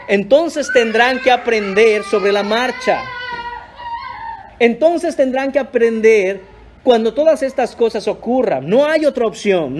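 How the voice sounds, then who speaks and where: A man's voice: extremely high pitch, slight background noise. A pastor preaching a sermon in an earnest, emphatic way, often addressing his listeners as brothers. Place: church.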